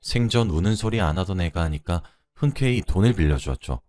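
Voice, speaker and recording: A man reading a first-person story aloud in a conversational, lively way. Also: sits low, brisk, no echo, studio quality, faint music behind.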